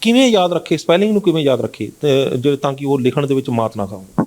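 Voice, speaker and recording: A man's voice: mid-range voice, lively intonation, fast, a little mellow. A man interviewing a teacher, asking long, informal questions.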